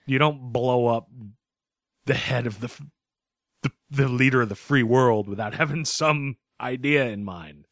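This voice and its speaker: A man's voice: mid-range voice, unhurried, fairly bright tone, dry recording, studio quality. A man from Boston co-hosting a casual movie review chat, joking and swearing freely. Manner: wry, profane, joking. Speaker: podcast co-host.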